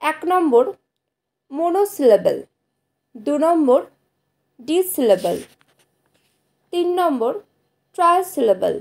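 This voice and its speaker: Woman, high voice, mellow warm tone, patient classroom explanation. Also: gravelly. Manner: patient, repeats and sounds out example words slowly. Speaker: English teacher. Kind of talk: slow explanatory lesson to students.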